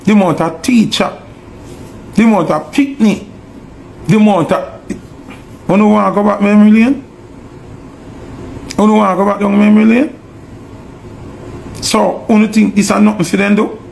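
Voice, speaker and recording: Jamaican man, raspy with fry, on the higher side; preachy, emphatic commentator rant. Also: fairly even intonation, moderate pace, pauses often, darkish tone, slight background noise. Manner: preachy, emphatic, fires repeated rhetorical questions. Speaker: online commentator. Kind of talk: ranting monologue.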